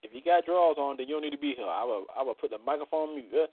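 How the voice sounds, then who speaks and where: A man with a Southern US accent hosting a raunchy late-night call-in show, talking loudly and joking. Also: a little high, rapid-fire, a loud crowd. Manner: loud, joking, laughs a lot. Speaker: radio show host. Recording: tinny phone-like sound.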